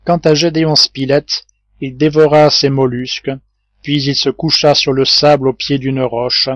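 A man narrating a classic novel as an audiobook reader, in a measured literary way. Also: medium pitch, flat delivery, a bit bright, no echo, dull audio. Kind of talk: scripted narration.

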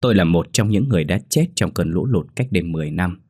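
A man's voice: low voice, expressive, fast talker, a little mellow, no echo, clean studio sound. A man voicing a vengeful young woman's ghost who drowned in a flood, speaking in cold, menacing threats.

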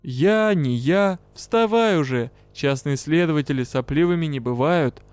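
A man voicing a brash male dark elf partner in an audiobook, gruff, teasing and bluntly scolding. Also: a little high, lively intonation, a little slow, dry recording. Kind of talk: audiobook character voice.

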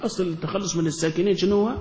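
A man teaching grammar to a class, asking quick questions and answering them himself. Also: high-pitched, steady tone, a little mellow. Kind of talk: classroom lesson explaining grammar. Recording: echoey hall recording.

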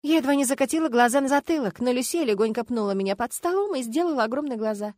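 A woman narrating a first-person audiobook in an expressive, lively reading style. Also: on the high side, fast, no room sound, clean studio sound.

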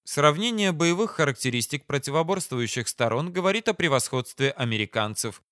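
A calm female android assistant, flat and logical, voiced by a male audiobook reader. The sound is clear and smooth, recorded dry and close. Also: on the high side, a little fast, dry recording. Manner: level, matter-of-fact.

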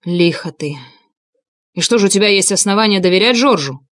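A woman reading an audiobook, voicing a blustering middle-aged man who tries to sound menacing and gruff. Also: medium pitch, animated, a little fast, fairly bright tone, no room sound, close to an everyday voice. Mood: sullen.

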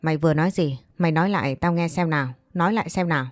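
A woman's voice: sits low, racing, no echo, clean studio sound, lightly acted. Woman voicing a jealous, hot-tempered older man. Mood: angry. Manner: angry, demanding.

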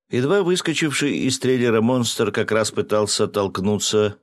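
A man narrating a first-person audiobook, brisk and telling the story with wry asides, recorded close on a studio mic. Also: low-pitched, dry recording.

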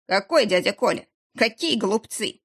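A woman's voice: mid-range voice, expressive, moderate pace, husky. A woman doing a mocking male interrogator. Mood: mocking menace. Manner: mocking, threatening. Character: menacing round-faced male interrogator.

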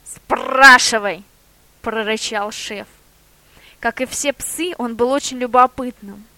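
A woman narrating a storybook in an expressive reading voice. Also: a little high, unhurried, dry recording.

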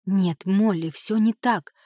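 A woman's voice: mid-range voice, slow, warm tone, dry recording, clean studio sound. A woman reading an audiobook, voicing a stern aunt who answers firmly and snaps when pushed. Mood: firm, harsh. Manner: firm, defensive, snapping. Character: stern aunt, guarded and quick-tempered.

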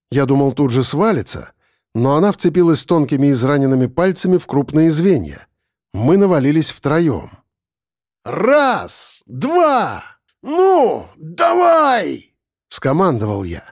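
A man reads a first-person story aloud, dramatic and expressive. His voice sits a bit higher than most men's. The sound is close and dry, with no room around it. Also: normal speed, dry recording. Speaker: audiobook narrator. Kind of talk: first-person audiobook narration.

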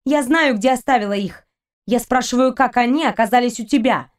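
A furious young captive, as the narrator plays her in an audiobook. Her voice rides high and sharp, indignant and accusing. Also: fairly quick, close to an everyday voice. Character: angry young woman, captive on a ship. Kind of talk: audiobook character reading.

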